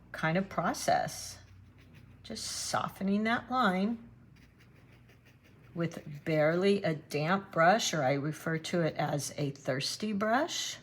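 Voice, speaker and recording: A woman giving a relaxed watercolor painting demonstration, thinking aloud as she works and chatting to her viewers. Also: on the low side. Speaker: watercolor art teacher.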